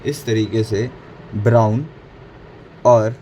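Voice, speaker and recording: A man's voice: on the low side, fairly even intonation, takes it slowly, dark tone, low-quality recording. A man narrating a casual painting tutorial, mixing Hindi and English and correcting his own slips as he goes. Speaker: painting instructor. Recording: faint background noise.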